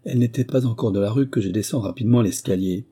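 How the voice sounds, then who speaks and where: Deep husky male memoir reader. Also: fast talker, warm tone. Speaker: audiobook narrator. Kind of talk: scripted first-person memoir reading.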